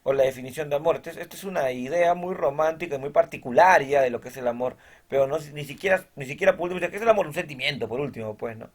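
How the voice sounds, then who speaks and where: Guy teaching a lesson, slightly high voice, keeps checking "right?" after each point. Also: quick pace. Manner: explains step by step, checks in with "¿no?" after most points; reads definitions from the text aloud. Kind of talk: recorded language lesson.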